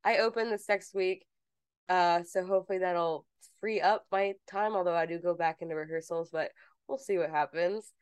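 A woman's voice: on the low side, steady tone, normal speed, clean tone, dry recording, studio quality. A woman co-hosting a podcast in casual, teasing chat. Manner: chatty, teasing, reads bits aloud. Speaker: podcast co-host.

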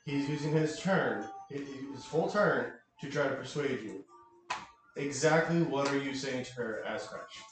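A man's voice: medium pitch, unhurried, echoey room, over music. A man running a tabletop game as game master, who explains the rulings plainly and laughs often.

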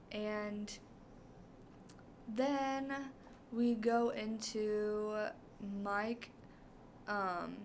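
Slow-talking young woman recapping a show. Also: mid-range voice, slight background noise. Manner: rambling, many "um" and "like" fillers. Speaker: podcast co-host. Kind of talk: casual chat recapping a show.

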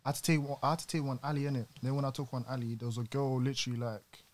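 A man's voice: mid-range voice, fairly even intonation, very fast. A man with a London roadman style British urban accent, chatting casually on a podcast in street slang full of tag questions. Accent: British urban street (London roadman style MLE).

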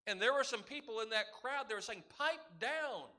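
A man's voice: high-pitched, fast, bright, forceful tone. A man preaching a sermon as a pastor, earnest and asking the congregation rhetorical questions.

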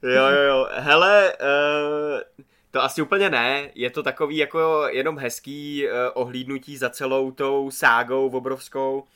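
A man from Czechia talks casually as a co-host on a film podcast. His voice is bright and forceful. He rambles, restarts his sentences and swears offhandedly. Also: medium pitch, steady tone, smooth. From Czech Republic. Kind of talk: casual chat.

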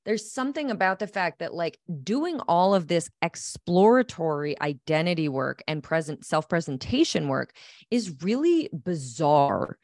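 Low-voiced reflective speaker, woman's voice. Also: very animated, unhurried, darkish tone, no echo, studio quality. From upstate New York. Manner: reflective, thinks aloud with many "like"s. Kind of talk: casual conversational podcast chat.

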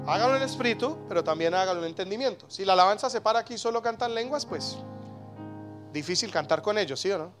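A man in his thirties preaching a sermon as pastor, animated, with sudden loud exclamations. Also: high-pitched, quick pace, soft background music.

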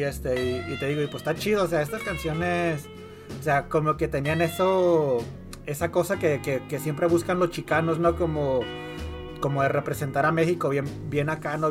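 Slangy Mexican man, slightly high voice. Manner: slangy, rambling. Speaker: podcast host. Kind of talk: casual music chat. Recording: music behind the voice.

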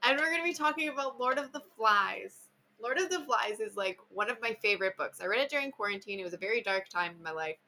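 Bright chatty woman hosting a show. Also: medium pitch, animated, quick pace, a little hiss or hum. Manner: chatty, filler-heavy, enthusiastic. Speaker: podcast host. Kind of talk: casual book chat.

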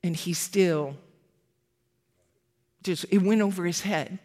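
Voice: medium pitch, slow pace, darkish tone. A ministry worker giving an update, telling a personal faith story in an earnest, reflective way.

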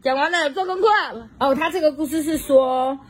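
A woman reading a children's storybook aloud at home to a child, very expressive and stopping to chat with the child. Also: high voice, moderate pace. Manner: expressive, swoops up for excitement, chats with the child.

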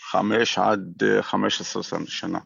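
A middle-aged man from Gaza with an Israeli accent and a gravelly voice, answering interview questions haltingly over the phone. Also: on the low side, level tone, fairly bright tone, no echo. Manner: halting, searching for words. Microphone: phone call. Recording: muffled, dull phone line.

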